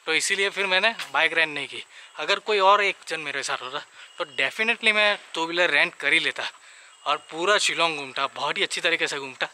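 A man's voice: a little high, fairly quick, bright, forceful tone. A young man, chatting to viewers in a casual travel vlog, filmed at arm's length outdoors. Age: young adult. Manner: chatty, addresses viewers as bhai, mixes English phrases. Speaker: travel vlogger. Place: outdoors on rainy streets and forest paths. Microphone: handheld camera at arm's length. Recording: outdoor street noise.

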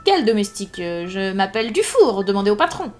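A woman's voice: mid-range voice, big pitch swings, fairly quick, a little mellow, natural voice. A woman reading aloud voices a frightened male servant accused of murder, protesting and stammering his denials over faint music. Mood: panicky. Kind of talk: live audiobook reading.

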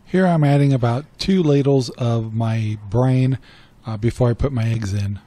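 Mellow older man narrating recipe steps. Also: mid-range voice, moderate pace, dry recording. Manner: plain, step-by-step, matter-of-fact. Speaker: cooking channel host. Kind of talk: voice-over narration.

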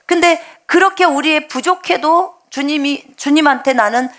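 A woman's voice: high-pitched, moderate pace, fairly bright tone. A woman pastor from the Jeolla region giving an earnest sermon, telling her own story and acting out her prayers aloud. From Jeolla, Korea.

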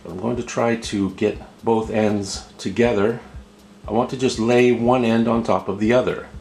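A gravelly, slightly mellow voice on the low side guides viewers through an unscripted how-to, steady in tone and at normal speed, repeating himself patiently. The male host sits at a table in an indoor room, where the recording picks up echo, roominess and slight background noise.

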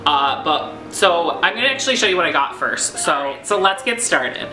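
Chatting about meal prep in his kitchen, this young man from New York talks at normal speed in a high-ish, expressive voice with a bright, forceful tone. The casual cooking vlog rambles along with lots of fillers and self-deprecating asides, recorded by a close-range fixed camera in an echoey room with faint music playing.

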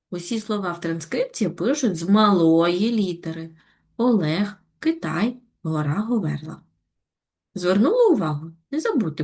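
A woman teacher giving a patient, step-by-step online lesson to young schoolchildren, with gentle reminders. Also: mid-range voice. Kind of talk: online Ukrainian lesson for children.

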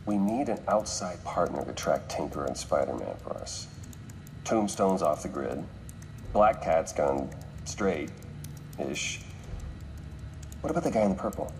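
An actor playing a cold, scheming corporate boss dictating a memo in a video game, dismissive and sardonic. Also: male voice, deep voice, animated, measured pace, pauses often, darkish tone, a little hiss or hum. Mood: scheming, musing. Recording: long hall reverb, music behind.

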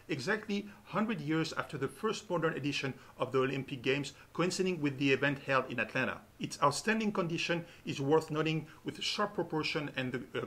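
A man in his thirties presents watch auction results to camera from a dark studio, earnest and pausing often with "uh" mid-phrase. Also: a little high. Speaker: host. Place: dark studio with shelves behind.

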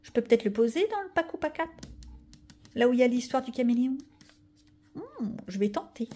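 A woman's voice: a little high, very animated, brisk, mellow. A woman chatting casually to viewers about her coloring books, rambling with many asides and fillers. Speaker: coloring vlogger. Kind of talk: casual chat showing coloring pages.

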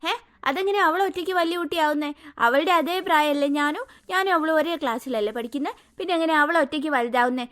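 Woman voicing a cartoon little girl, high-voiced, jealous, stubborn, pleading. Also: fast, a bit bright. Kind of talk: cartoon voice acting.

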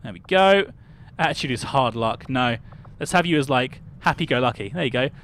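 Playing a video game on stream, a young British man greets viewers by name and narrates his thinking. He speaks briskly and animatedly, with a mid-range, fairly bright voice over slight background noise.

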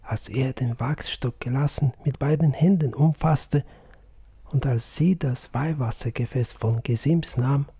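A man narrates a literary audiobook slowly and in a hushed manner, sometimes almost whispering. His voice is gravelly, dark and husky. The recording is dry and close to the mic. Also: mid-range voice, no room sound. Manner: slow, hushed, at times whispered reading.

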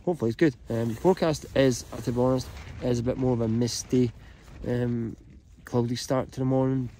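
Mellow man chatting in a tent. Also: mid-range voice, a little fast, a little hiss or hum. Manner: relaxed, rambling, many ums. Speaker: hiking vlogger. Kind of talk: casual vlog talk to camera. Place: inside a small tent on a mountain at night. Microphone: camera held close while lying down.

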